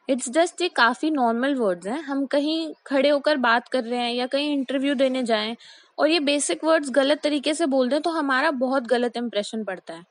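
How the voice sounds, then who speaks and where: Young woman with a high voice going through word pronunciations, slow careful delivery, dry close sound. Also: dry recording, poor audio. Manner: slow, deliberate example sentences, repeats each word. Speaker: English pronunciation teacher. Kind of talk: explanatory lesson mixing Hindi and English.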